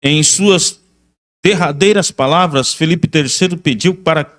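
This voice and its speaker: Lecturing on history in the role of a religious teacher, a Brazilian Portuguese-accented man switches between reading passages and adding commentary. He stresses important phrases by repeating them. His voice is on the high side, unhurried and a bit bright.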